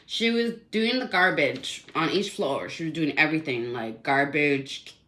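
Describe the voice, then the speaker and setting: A woman's voice: low voice, a little slow, pushed and bright. A woman telling a personal complaint story in a casual, rambling, indignant way, full of fillers.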